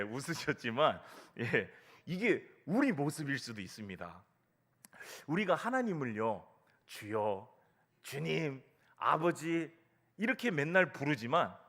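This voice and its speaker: A male pastor delivers a Sunday sermon in a church, his slightly high voice rising and falling in wide, lively swings. He carries the congregation along with stories, quoted voices and rhetorical questions. Now and then he slips in a light, humorous aside. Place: church sanctuary.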